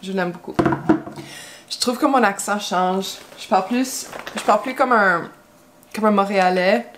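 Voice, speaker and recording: A woman's voice: mid-range voice, moderate pace, a bit bright, a little hiss or hum. A woman from Quebec whose first language is English, chatting casually while doing her makeup. She talks in a hesitant, rambling way, full of fillers and restarts. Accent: English-speaking Quebec. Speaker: beauty vlogger.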